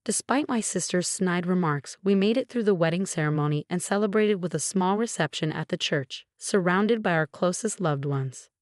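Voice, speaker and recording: A woman narrating a first-person drama story in a steady, measured reading voice. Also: lowish voice, no echo, clean studio sound. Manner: even, measured reading of all characters in one voice.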